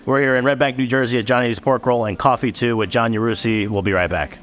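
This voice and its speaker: A man's voice: mid-range voice, fairly even intonation, fast, a bit bright. A man hosting a podcast, chatting casually with a guest, joking and nodding along with short replies. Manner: brief agreeing backchannel, jokey. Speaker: podcast host.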